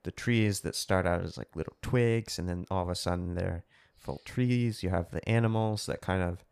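A man with a very low voice and a gravelly, creaky edge, talking casually as a podcast co-host. He muses through his points and turns them into questions for the group. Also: normal speed, a little mellow. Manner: thinks aloud, poses questions to others. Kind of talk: casual book discussion.

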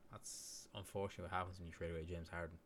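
A man's voice: sits low, little pitch movement, fast talker, a bit bright. A man co-hosting a casual sports podcast, with a rambling, filler-heavy way of breaking down games. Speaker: podcast co-host. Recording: faint background hiss.

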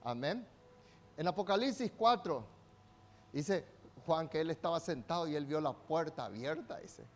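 High-voiced pastor preaching. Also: male voice, lively intonation, normal speed, slight background noise. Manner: preaching with call-and-response, swings from soft to shouting. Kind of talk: sermon.

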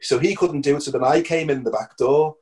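A middle-aged man, a musician guest in a casual interview, telling stories in an animated way, repeating words and laughing often. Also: a little high, brisk. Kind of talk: casual anecdotal storytelling.

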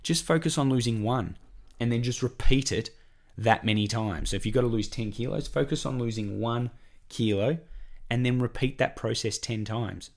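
This Australian weight-loss coach hosts a solo podcast, his voice hoarse and croaky from a cough. He speaks at medium pitch and normal speed, chatty, encouraging and repetitive.

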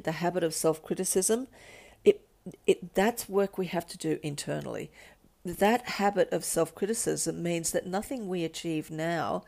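A woman's voice: on the low side, creaky, darkish tone. A woman hosting her own podcast, talking through ideas on personal change, often repeating words as she searches for the next one. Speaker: podcast host, coach. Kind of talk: solo talk on personal change.

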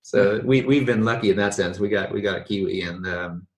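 Laid-back American male host, very low voice, echoey room, rambling casual delivery. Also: brisk. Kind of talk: casual chat.

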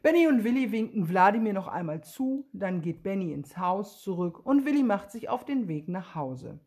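A woman reading a children's story aloud in a gentle, expressive way, with a husky voice. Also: medium pitch, normal speed.

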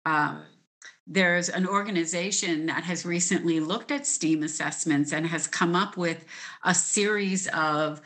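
A woman's voice: lowish voice, unhurried, a bit bright. A woman who teaches gifted students, explaining her ideas step by step as a guest in a conversational interview.

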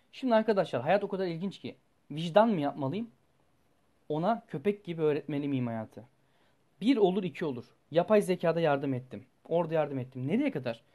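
A young man, a student, telling a personal story in a rambling, animated way and swearing freely. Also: a little high. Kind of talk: casual storytelling vlog.

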